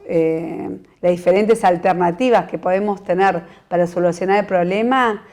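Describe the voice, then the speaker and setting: A woman with a Uruguayan Spanish accent teaching a recorded training course, explaining in a measured way with frequent fillers and restarts. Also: mid-range voice, a little mellow. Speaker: course instructor.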